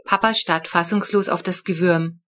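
A woman reading a children's storybook aloud, telling the story in a lively first-person voice. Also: fairly low pitch, moderate pace. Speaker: audiobook reader.

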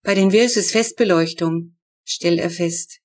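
A woman reading her own children's book aloud in lively storyteller narration. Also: fairly low pitch, unhurried. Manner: lively storytelling, voicing the characters.

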